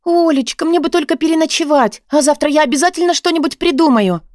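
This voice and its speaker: A woman's voice: fast talker, a little mellow, no room sound, clean studio sound, close to an everyday voice. A woman voicing a desperate young woman down on her luck, who begs in an imploring voice. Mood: pleading. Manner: high-pitched, imploring.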